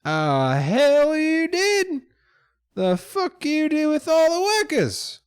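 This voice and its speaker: A blustering older miner in a tabletop game, loud and foul-mouthed, his voice cranked up high, as a man puts him on. He sounds gruff and lively and talks slowly. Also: heavily acted. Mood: angry.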